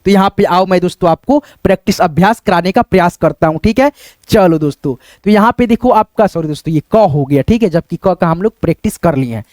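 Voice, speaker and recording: A man teaching a beginners' online lesson, addressing viewers as friends again and again and slowing down to spell sounds out. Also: high voice, animated, darkish tone, no echo. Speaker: English teacher. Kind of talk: online lesson explaining letters.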